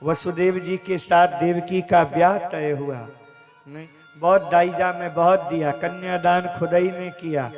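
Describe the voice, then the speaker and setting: A man telling a devotional story as a sermon, slowly and dramatically, acting out the dialogue. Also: high-pitched, steady tone, music in the background. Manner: slow, dramatic retelling with acted dialogue. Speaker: kathavachak, religious storyteller. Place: religious gathering, live event.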